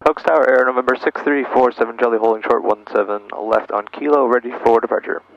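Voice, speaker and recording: Speaking fast in a mid-range voice with fairly even intonation, this pilot narrates his own small-plane flight through an aviation headset, using short procedural phrases and radio calls. The lo-fi cockpit recording picks up faint engine and radio noise.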